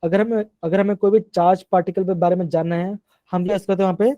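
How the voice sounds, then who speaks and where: A man's voice: high voice, steady tone, fast, warm tone, no echo, dull audio. A man teaching a class live online, often asking questions and repeating them, mixing terms into his sentences.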